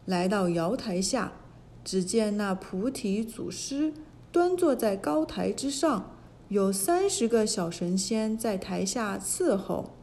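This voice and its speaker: A woman tells a classic children's myth in a slow, lilting storybook voice. Her tone is soft and mellow, with a faint hiss in the background. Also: mid-range voice, expressive.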